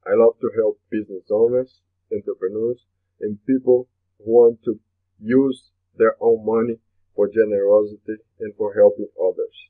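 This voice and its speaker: A Brazilian man with a Brazilian Portuguese accent, a native Portuguese speaker, hosts a motivational webinar, speaking at a normal speed with a lowish voice and level tone. He is earnest and often repeats his phrases. The audio is tinny and phone-like, typical of a webinar.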